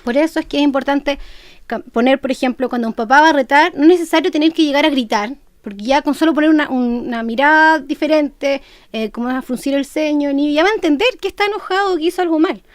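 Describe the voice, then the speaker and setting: A woman with a Chilean accent, a guest expert on a radio talk show, explaining lively and acting out how parents talk to babies. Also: high voice, quick pace, dry recording, clean studio sound. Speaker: guest kinesiologist.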